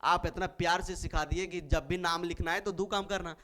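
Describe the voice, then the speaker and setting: A man's voice: sits high, fairly even intonation, moderate pace, bright, forceful tone. A man teaching chemistry in a lecture, playful and affectionate with his students, counting carbons aloud and acting out their replies. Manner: playful, affectionate, calls students babu and munna; acts out students' replies in a sweet voice. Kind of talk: classroom lecture.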